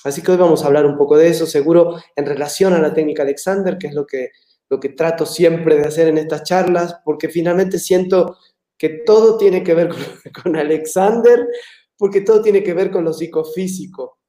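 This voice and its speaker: In an echoey room, a friendly Latin American man living in Mexico hosts a casual live talk online and reads out greetings from his viewers. His voice is slightly high and warm, delivered at a moderate pace.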